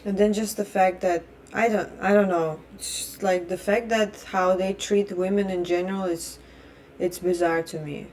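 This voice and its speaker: A native Russian speaker in young adulthood vlogs a blunt, profane, heated opinion rant full of restarts. Her medium-pitched voice is a little mellow, with fairly even intonation and a moderate pace.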